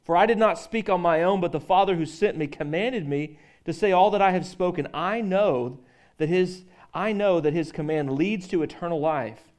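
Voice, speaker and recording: A male pastor delivers a sermon in a loose, conversational way, joking with the people in front of him. His voice sits a little high for a man. He also reads scripture aloud. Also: normal speed, darkish tone. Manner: conversational, joking with the congregation, frequent restarts.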